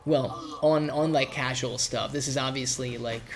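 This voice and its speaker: A man with a nasal, congested voice from a cold, giving rambling, relaxed commentary while streaming a game. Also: mid-range voice, a little slow, a little hiss or hum. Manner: rambling, relaxed, swears casually. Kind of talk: casual gameplay commentary.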